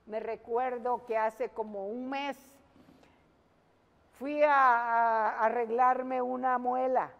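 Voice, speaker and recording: A woman with a high voice preaches in an earnest, conversational way, drawing her listeners in as she retells everyday exchanges. She speaks at an unhurried, measured pace. Her voice rings out with a long reverb, as if in a large hall. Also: lo-fi sound. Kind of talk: evening devotional sermon.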